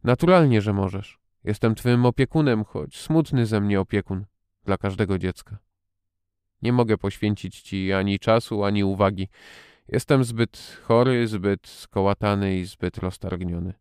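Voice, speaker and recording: A man voicing a weary, sickly middle-aged guardian who talks slowly and absently, read as an audiobook character. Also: on the low side, a little mellow, clear, resonant tone, no room sound, studio quality, natural voice. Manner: tired, slow, absent-minded.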